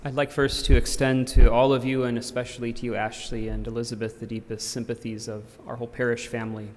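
A man around forty, a priest giving a funeral homily in gently paused, careful phrases. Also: medium pitch, little pitch movement, a little hiss or hum. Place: church, at the lectern. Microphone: gooseneck lectern microphone. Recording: reverberant church.

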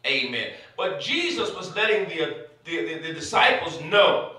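A man's voice: on the high side, sing-song, measured pace, pushed and bright. Man preaching at a pulpit microphone. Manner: punctuates phrases with frequent amens. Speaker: bishop preaching. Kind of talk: sermon. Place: church sanctuary. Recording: echoey church sanctuary, mic at a distance.

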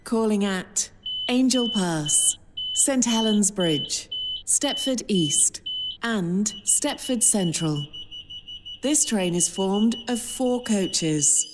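A woman giving a recorded train station announcement in a measured, evenly spaced announcer delivery. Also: mid-range voice, expressive, background noise. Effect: automated train station announcement. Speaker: platform announcer.

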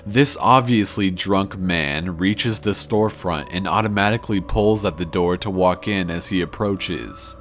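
A man narrating true scary stories in a slow, measured storytelling manner. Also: low voice, fairly bright tone. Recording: faint music under the voice.

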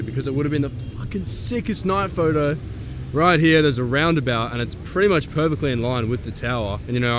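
A man's voice: mid-range voice, background noise. A man in his twenties filming himself at arm's length as he walks a city and a rooftop, talking casually and swearing freely. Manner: laid-back, swears freely, excitable. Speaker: photography vlogger. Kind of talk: casual vlog. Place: outdoors in a city and on a rooftop terrace. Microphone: handheld camera at arm's length.

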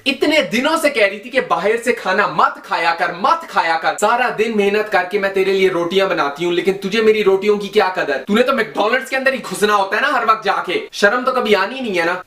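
A man voicing a nagging middle-aged mother who keeps scolding loudly and repeating herself, in a comedy sketch. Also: sits high, fairly quick, few pauses, roomy sound. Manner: loud, repetitive, exasperated nagging.

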